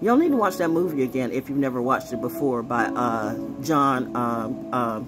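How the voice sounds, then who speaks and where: A woman's voice: a bass voice, expressive, normal speed. A middle-aged woman doing a rhythmic freestyle monologue into a phone held close, moving between half-sung rhymes and blunt, confiding asides. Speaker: vlogger doing spoken freestyle. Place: indoors at home on a couch. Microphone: phone held close at arm's length. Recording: phone recording with music playing under it.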